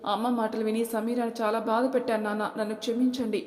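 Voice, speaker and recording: A woman's voice: fairly high pitch, level tone, quick pace, darkish tone, lightly acted. A woman voicing a pregnant young daughter who pleads and reproaches her mother, in an echoey room. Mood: remorseful. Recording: echoey room, long reverb.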